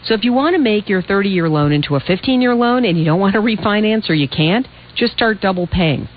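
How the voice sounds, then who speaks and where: A woman's voice: mid-range voice, expressive, brisk, phone-quality sound. A woman hosting a radio call-in show, giving direct, explanatory advice in a conversational way. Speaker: radio call-in host, financial adviser.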